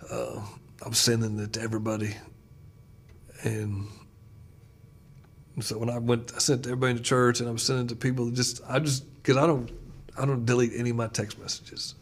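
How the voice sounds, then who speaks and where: A man who is a pastor, telling stories in a casual chat and getting animated when he retells dialogue. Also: medium pitch, fairly quick. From United States. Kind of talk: casual conversation, storytelling.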